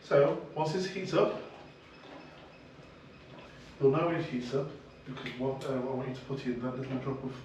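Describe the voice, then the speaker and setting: A mid-range, darkish male voice moves at a moderate pace, pausing often. He's casually demonstrating cooking hands-on, patiently repeating instructions and encouraging others, recorded with a distant mic amid heavy echo and surrounding noise.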